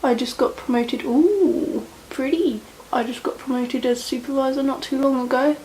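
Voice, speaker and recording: A woman's voice: high-pitched, normal speed, darkish tone, slight background noise, low-quality recording. A young woman chatting casually in a rambling way while doing her makeup at home, with lots of fillers. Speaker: beauty vlogger.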